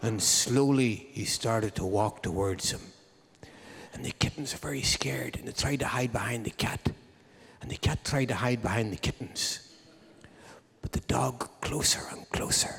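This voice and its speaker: A man's voice: medium pitch, unhurried, gravelly, a bit bright, slightly rough. A man, hosting a live music show and telling a comic story to the audience with droll timing. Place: live concert hall. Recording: long hall reverb from a live venue.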